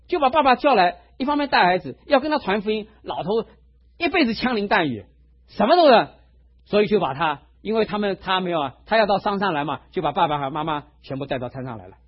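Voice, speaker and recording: A male pastor preaching a sermon, telling a personal testimony in an animated storytelling way, in a dull lo-fi recording. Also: high-pitched, fast talker, slightly rough. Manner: animated storytelling, acts out quotes.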